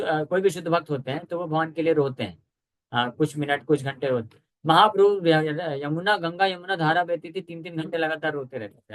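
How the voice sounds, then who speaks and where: A man giving a devotional scripture lecture in conversational Hindi with English words mixed in, slowing down to chant verses. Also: on the high side, fairly bright tone, low-quality recording.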